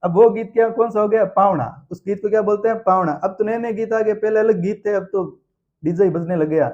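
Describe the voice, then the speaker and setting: A man's voice: high voice, a little fast. A male teacher, telling a story to teach exam facts and drilling key answers by repeating them. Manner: animated storyteller who acts out aunts and sings snatches of songs. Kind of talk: exam-prep lesson with storytelling. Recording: slightly dull lo-fi recording.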